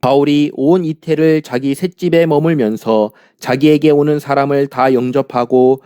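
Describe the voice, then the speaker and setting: A man reading scripture aloud for his church in a steady, measured way. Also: mid-range voice, clear, resonant tone, no echo, clean studio sound. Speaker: church Bible reader.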